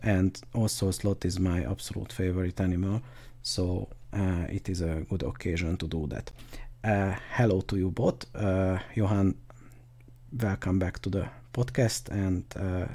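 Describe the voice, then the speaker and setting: Gravelly low-voiced man hosting a podcast. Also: fairly even intonation, a little slow, dark tone. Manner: hesitant, many fillers. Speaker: podcast host. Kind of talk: podcast interview.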